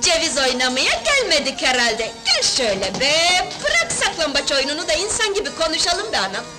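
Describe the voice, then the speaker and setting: An actress playing a brash, streetwise young wife who talks loud and slangy in an old film. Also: female voice, high-pitched, big pitch swings, brisk, over music. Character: brash streetwise young woman, bold, pushy. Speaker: newly married wife in a film. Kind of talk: 1970s film dialogue. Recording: noisy old film soundtrack.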